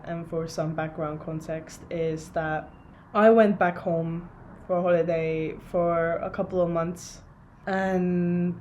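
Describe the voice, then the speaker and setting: A young woman from Estonia talking to a camera in a casual, reflective vlog, soft and searching, with many pauses. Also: lowish voice, slight background noise. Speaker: vlogger.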